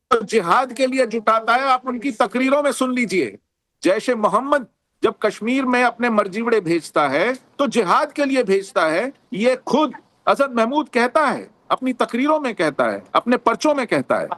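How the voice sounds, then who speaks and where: Indignant high-voiced male debate panelist. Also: expressive, moderate pace, a bit bright. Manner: emphatic, indignant, rhetorical. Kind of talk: heated TV debate argument.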